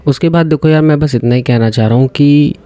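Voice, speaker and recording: A man's voice: on the high side, fairly quick, warm tone, no room sound. A young man in his twenties from India, a dental student giving earnest, direct advice to exam takers in a casual vlog, often slipping into English phrases.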